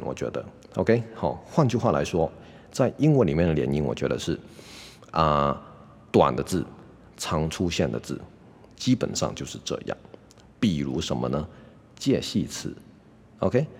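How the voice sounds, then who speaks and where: A man giving a casual English lesson, constantly checking in with a quick "OK?" and slowly sounding out example phrases. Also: very deep voice, creaky, a little mellow, long reverb tail. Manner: demonstrates English pronunciation slowly. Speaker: English teacher. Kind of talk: casual YouTube language lesson.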